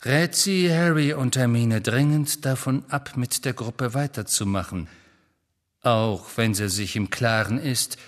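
A man doing a low-voiced rebellious wizard. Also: in a large hall, close to an everyday voice.

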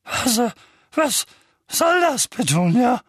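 A man's voice: very high-pitched, big pitch swings, takes it slowly, a bit bright, breathy edge, dry recording, clean studio sound, voice pushed up, heavily acted. A man voicing a bullying, red-faced middle-aged uncle who bellows furiously in a storybook reading. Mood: frightened.

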